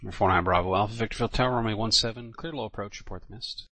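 A man's voice: fairly low pitch, very fast, bright, forceful tone. A man working as an air traffic controller, giving clipped, official radio instructions.

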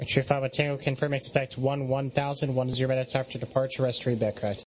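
Flat-toned male air traffic controller. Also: medium pitch, quick pace. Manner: clipped procedural phrasing.

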